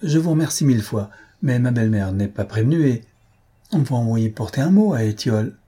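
A man reading aloud, voicing a gentle, quietly stubborn young countess with soft, reserved replies. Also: medium pitch, lively intonation, a little fast, husky.

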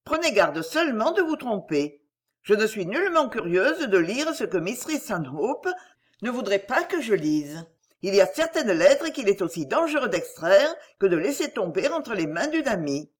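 A woman's voice: medium pitch, big pitch swings, normal speed. A woman voicing a vehement, proud lady. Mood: composed. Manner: vehement, passionate, declamatory. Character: proud, volatile aristocratic lady in anguish.

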